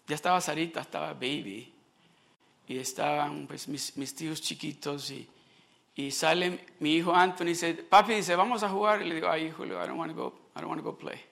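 A man's voice: on the high side, brisk, creaky, a bit bright. A middle-aged man giving a sermon testimony, telling a personal story and slipping in English phrases.

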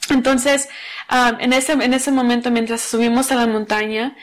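A young woman delivers a Wednesday service sermon in a slightly higher-than-average voice. She talks in an earnest, conversational way, full of fillers and false starts. When she reads scripture aloud, she slows down. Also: little pitch movement. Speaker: preacher.

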